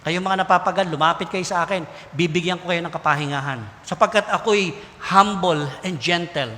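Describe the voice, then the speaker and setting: A man with a Filipino accent preaching a sermon in a lively, conversational way, mixing in English. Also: high voice, brisk. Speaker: pastor. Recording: long hall reverb.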